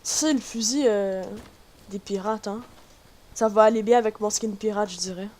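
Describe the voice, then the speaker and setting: A woman with a Quebec French accent giving chatty, excitable commentary on her gameplay to her viewers. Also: medium pitch, normal speed. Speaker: gaming YouTuber. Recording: noisy home recording.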